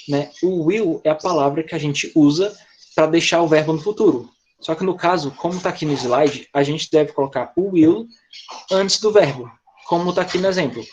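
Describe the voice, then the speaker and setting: A man whose voice is on the high side and darkish in tone teaches English with a Brazilian Portuguese accent. Patient and methodical, he explains grammar step by step in an online video-call class, with frequent "tá?" and "né?".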